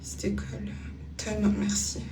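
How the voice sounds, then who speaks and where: A woman's voice: a little slow, noisy background. A woman with a slight lisp on her s sounds, chatting casually as the host of a livestream.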